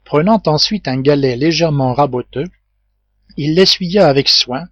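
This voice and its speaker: A man narrating a classic novel as an audiobook reader, in a measured literary way. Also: a little high, no room sound, lo-fi sound. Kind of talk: scripted narration.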